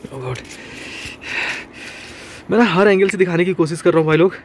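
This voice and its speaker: Excited high-voiced man vlogging outdoors. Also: normal speed. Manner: excited, chatty, mixing English phrases into his talk. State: coughing now and then. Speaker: travel vlogger. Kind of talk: casual vlog narration. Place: hotel balcony outdoors in snowy mountains.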